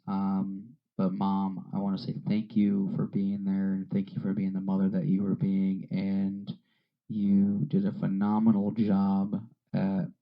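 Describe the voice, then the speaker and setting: Earnest halting man, low flat voice. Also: creaky, highs cut off. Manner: earnest, halting, with frequent fillers and self-corrections. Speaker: podcast host. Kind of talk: casual solo podcast talk.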